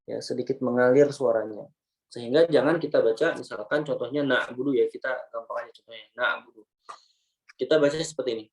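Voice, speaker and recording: Man teaching tajwid with slow examples. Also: mid-range voice, darkish tone, rough recording. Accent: Indonesian. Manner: explains step by step, demonstrates slow recitation examples. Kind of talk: Quran recitation lesson.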